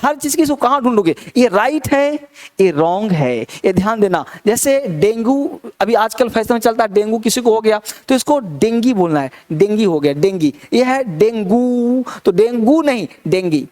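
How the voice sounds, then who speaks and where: A man's voice: high-pitched, lively intonation, normal speed, a little mellow. An Indian man teaching pronunciation in Hindi, repeating each word and asking the class questions that he answers himself. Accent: Indian English. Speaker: spoken English teacher.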